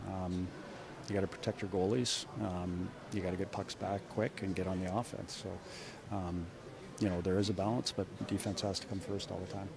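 Low-voiced coach at a press scrum. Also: male voice, little pitch movement, vocal fry, crowd noise. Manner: measured, frequent restarts and repeated words. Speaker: head coach. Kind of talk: postgame press conference. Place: indoor media room before a sponsor backdrop. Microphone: cluster of handheld reporter mics.

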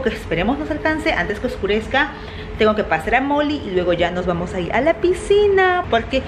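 A woman's voice: medium pitch, background noise. Chatty woman vlogging at home. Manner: chatty, addresses viewers as "chicos". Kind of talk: casual vlog chat. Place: at home, house and garden.

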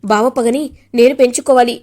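A woman voicing a bitter young woman brooding and plotting revenge, in a high voice. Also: fairly even intonation, normal speed, darkish tone, close to an everyday voice. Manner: brooding, resentful.

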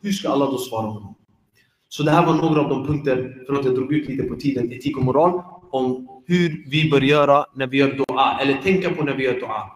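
A man giving an informal religious reminder to a congregation, lively and animated, acting out everyday examples with laughs. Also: medium pitch. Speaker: preacher giving a dawn reminder. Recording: echoey hall with long reverb.

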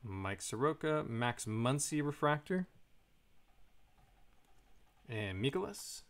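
A man's voice: medium pitch, very animated, slow pace. A man hosting a casual live card break, reading out card names and chatting with viewers.

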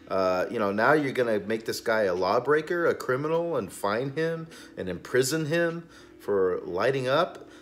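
A cigar review host in his forties speaks at normal speed in an expressive, medium-pitched voice. Indoors in a small storage room stacked with boxes, he delivers an opinionated casual vlog rant, emphatic and indignant, hands moving broadly.

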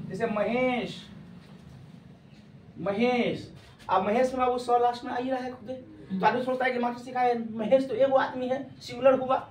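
High-voiced man teaching grammar in a classroom. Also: slight background noise. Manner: calls students "babu", quizzes them loudly. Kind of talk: classroom lecture. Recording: echoey classroom from far off.

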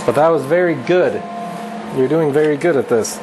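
Loud music plays behind this man's voice, and the audio quality is poor. He's in his thirties, hosts a welding channel, and speaks on the high side at a moderate pace, casually and self-deprecatingly walking his wife through welding in their home garage.

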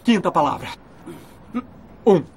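A man dubbing an earnest young groom in a film, guessing quickly and excitedly. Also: on the high side, vocal fry, slight background noise, exaggerated voice. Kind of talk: dubbed film acting.

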